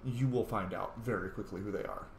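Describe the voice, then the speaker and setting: Sing-song and fairly quick, a man with a voice on the low side streams himself roleplaying through a video game. He swears freely while giving casual, playful, opinionated commentary, and the recording carries roomy echo plus clear background noise.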